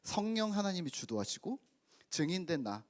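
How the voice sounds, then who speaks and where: A man's voice: high voice, big pitch swings, normal speed. A middle-aged man preaching a sermon in church, telling stories about his family and congregation and acting out their voices. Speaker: pastor. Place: church sanctuary.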